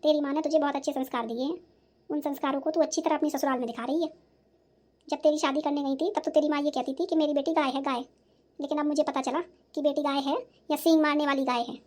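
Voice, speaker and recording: A sarcastic, self-pitying old mother-in-law in a cartoon who scolds her daughters-in-law, played by a woman. Her voice sits high. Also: steady tone, fast, darkish tone, natural voice. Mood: scolding. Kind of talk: cartoon voice acting.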